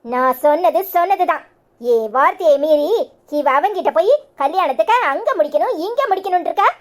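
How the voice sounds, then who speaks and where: A woman's voice: very high-pitched, expressive, a little fast. A woman voicing a proud, scolding older village mother whose son is about to marry; she talks sharply and threatens. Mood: stern. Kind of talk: cartoon voice acting.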